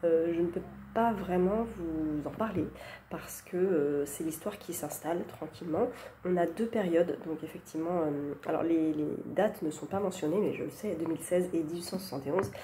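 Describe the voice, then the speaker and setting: A woman talks casually about her reading, pausing on fillers and often dropping to a soft near-whisper. Her voice sits a little low and sounds mellow, with a faint hiss of background noise under the recording. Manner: chatty, hesitant with frequent fillers, often drops to near-whisper. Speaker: book vlogger. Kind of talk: casual book chat.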